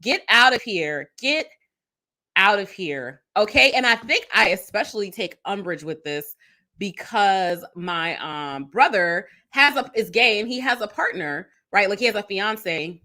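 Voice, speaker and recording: Woman live streamer reading a post aloud, then reacting with loud outrage and laughter. Bright, forceful tone. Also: mid-range voice, expressive, a little slow. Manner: emphatic, outraged, laughs often.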